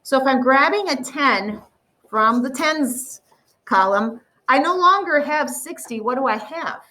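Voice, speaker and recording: A woman teaching a math lesson to a classroom, explaining step by step and slowly drawing out the numbers. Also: sits high, expressive, sharp tone, recorded from a distance, low-quality recording.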